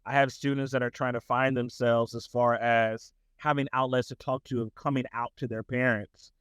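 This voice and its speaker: A man's voice: mid-range voice, flat delivery, moderate pace, a bit bright, smooth, dry recording. A man who works as a tutor director, talking casually as a podcast guest in a loose, rambling way full of "like" and restarts.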